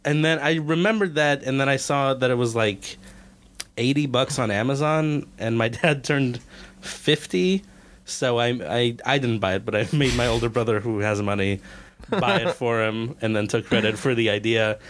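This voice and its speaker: A man's voice: mid-range voice, normal speed, fairly bright tone. A young man from Israel in casual podcast chat, rambling through stories and laughing often.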